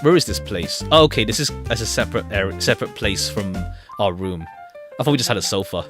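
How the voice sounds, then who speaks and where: A fast-talking, animated man with a voice on the low side streams a game to background music. He's chatty and rambling, reading dialogue aloud and repeating himself.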